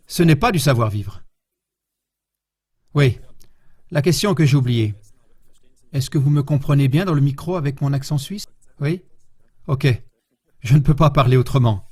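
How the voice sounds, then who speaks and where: A man delivering a public history lecture in a somewhat high voice. He talks in a measured, steady way and keeps turning to the audience with rhetorical questions. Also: slightly rough.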